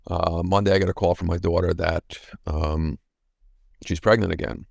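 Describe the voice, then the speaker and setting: A middle-aged man with a very low, heavily gravelly voice. He tells his story frankly and with feeling, cursing now and then, recorded dry and close. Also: steady tone, normal speed, a little mellow, dry recording. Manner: frank, emotional, swears casually. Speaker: coaching client. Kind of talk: candid personal story in a coaching interview.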